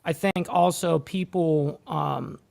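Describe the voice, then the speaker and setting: Gravelly man talking bluntly on a podcast. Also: on the high side, steady tone, slow, darkish tone. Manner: blunt and casual, swears freely. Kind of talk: podcast conversation.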